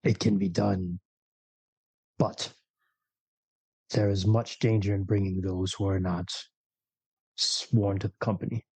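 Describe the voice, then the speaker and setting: A man voicing a cautious ancient dragon advisor in a measured, solemn, cryptic dragon voice for a tabletop game. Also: low-pitched, level tone, a little mellow, breathy edge, no room sound, exaggerated voice, rough recording. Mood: grave warning.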